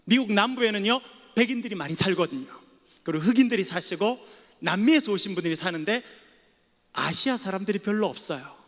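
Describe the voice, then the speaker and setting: Fairly quick and expressive, a high-pitched male pastor from Geoje island, South Korea, delivers a sermon built on stories and playful jokes. The setting is a seminary chapel, and the recording has a long reverb.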